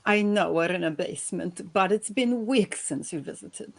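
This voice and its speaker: A man voicing a gentle, motherly female spider with a soft, silky voice and a heavy Russian accent. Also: sits high, normal speed, vocal fry, voice pushed up. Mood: tender, affectionate.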